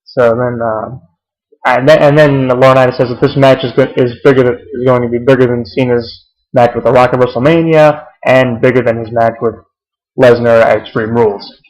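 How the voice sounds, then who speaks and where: A man's voice: medium pitch, fairly even intonation, moderate pace, darkish tone, low-quality recording. A young man giving a casual, rambling recap of a wrestling show, full of fillers and restarts.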